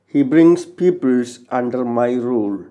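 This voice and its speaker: A middle-aged man reading scripture and psalms solemnly as a lector, in a measured, formal way. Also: medium pitch, animated, warm tone. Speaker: lector at Mass. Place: small chapel, indoors. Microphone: gooseneck lectern microphone.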